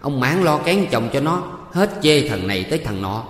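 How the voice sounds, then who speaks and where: A man voicing a bossy, quick-tempered middle-aged village wife who scolds and shouts threats. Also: medium pitch, close to an everyday voice. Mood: spiteful. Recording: echoey room with long reverb.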